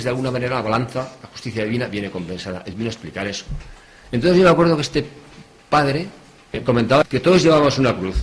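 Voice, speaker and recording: A man giving a talk in a hotel meeting room, telling stories with lively swings between loud stress and quiet asides. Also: mid-range voice. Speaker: speaker at a religious talk. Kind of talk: storytelling talk.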